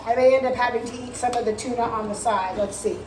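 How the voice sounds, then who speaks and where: A woman chatting casually in a home vlog, talking through her cooking and shopping in a relaxed, rambling way with frequent ums. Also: fairly high pitch, fast, background noise. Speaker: vlogger. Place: home kitchen.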